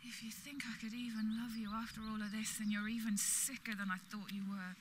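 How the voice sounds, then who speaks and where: A woman's voice: on the high side, little pitch movement, brisk, background noise, close to an everyday voice. A woman playing an exasperated, defiant stalking victim in a drama, blunt and dismissive. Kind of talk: dramatic dialogue acting.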